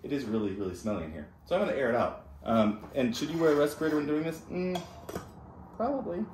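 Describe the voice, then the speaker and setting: Animated, self-mocking DIY man. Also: fairly high pitch, quick pace, echoey room. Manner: self-deprecating, joking. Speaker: DIY car restoration host. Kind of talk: casual hands-on tutorial chat. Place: home garage, indoors. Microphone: camera a few feet away. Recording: noisy garage ambience.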